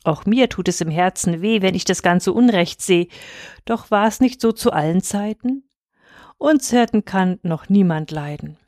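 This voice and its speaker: A woman gives voice to an old, poor shepherd from a Christmas storybook verse. He is god-fearing and stern, admonishing in rhyme at a middle pitch. The recording is dry and close. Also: measured pace, a little mellow, no echo, lightly acted. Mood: soothing.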